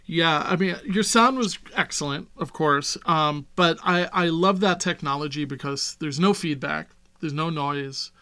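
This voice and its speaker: A man with a Long Island accent hosting a casual podcast interview, enthusiastic and quick to laugh. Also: on the high side, bright, forceful tone, clean tone. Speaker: podcast host.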